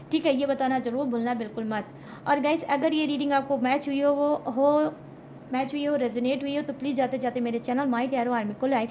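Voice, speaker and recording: Chatty high-voiced woman tarot reader. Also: darkish tone, a little hiss or hum. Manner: chatty, repeats "ठीक है?" and "guys" often; emphatic, confident predictions. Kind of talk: casual tarot reading to camera.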